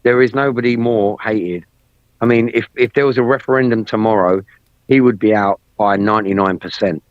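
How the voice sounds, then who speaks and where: A man's voice: on the low side, normal speed, no room sound. A man talking politics in a casual chat, blunt and full of swearing, often repeating himself. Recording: dry, dull lo-fi sound.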